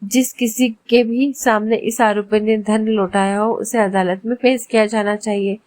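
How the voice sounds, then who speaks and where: A woman calmly and reverently narrating a devotional religious story. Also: mid-range voice, unhurried.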